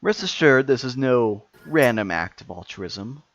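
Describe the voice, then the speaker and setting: Man playing a grandiose, echoey evil high priest. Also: lively intonation, unhurried, natural voice. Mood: proud, grandiose. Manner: grandiose, formal monologuing. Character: smug, devout evil high priest, commanding villain. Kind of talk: in-character tabletop game villain monologue. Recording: muffled, echoey room.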